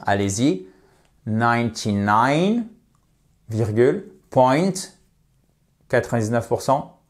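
Male language teacher for an online course, encouraging with viewers, exaggerates English words slowly for practice. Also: medium pitch, darkish tone. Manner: encouraging, addresses viewers directly.

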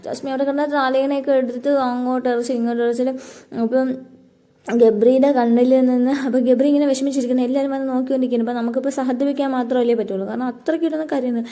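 A woman's voice: high voice, steady tone, fast talker, warm tone. A woman casually recapping a reality show episode for her viewers, chatty and full of fillers. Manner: chatty, addresses viewers as guys, many fillers.

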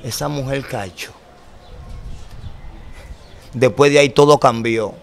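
A middle-aged man with a mid-range voice and some vocal fry takes his time telling a personal religious testimony as a guest. It's emotional and earnest, told like a story, and he acts out what others said to him.

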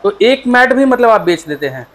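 A man's voice: extremely high pitch, sing-song, normal speed, fairly bright tone. A man interviewing a dealer, deferential, calling him "sir" and putting questions for farmers. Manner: deferential, frequent "ji" acknowledgments, says "sir" often.

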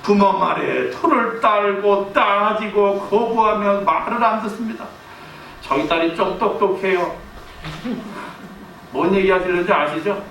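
A man in his forties, a pastor preaching a sermon who is lively and animated, quizzes the congregation and acts out family members' lines. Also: high voice, unhurried, gravelly. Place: church sanctuary. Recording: echoey church hall, distant mic, faint background hiss.

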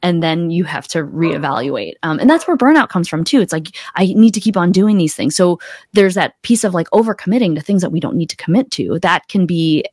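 An accountability coach in middle age speaks a little fast, her voice expressive, darkish, and on the low side. She's chatting casually as a podcast guest by video call from a small room at home, describing her experiences and opinions, with studio-quality sound and no room noise from a close desktop mic.

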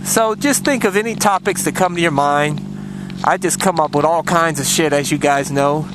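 A motovlogger records casual commentary through a helmet mic while riding his motorcycle down country roads. His fairly high voice moves at a moderate pace as he rambles bluntly and cusses a lot. Loud wind, road, and engine noise fill the recording.

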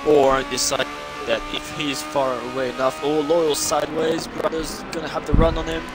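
A man's voice: on the high side, little pitch movement, moderate pace, over loud music. A man co-commentating live on an online car race, adding observations and driver analysis like a motorsport commentator.

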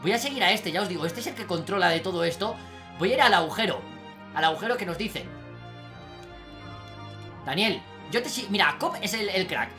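A young man with a Spain Spanish accent doing excitable let's-play commentary as a gaming YouTuber, often breaking into shouted exclamations. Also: high voice, fairly quick, pauses often, soft background music.

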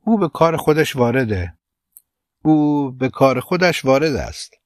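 A man reading the part of a calm, knowing man in an audiobook, quiet and even. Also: mid-range voice, dry recording, studio quality, natural voice. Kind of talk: audiobook character voice.

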